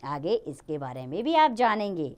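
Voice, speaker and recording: Lively woman teaching young children. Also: on the low side, moderate pace. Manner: lively, sing-song teaching voice addressing children. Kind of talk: children's grammar lesson.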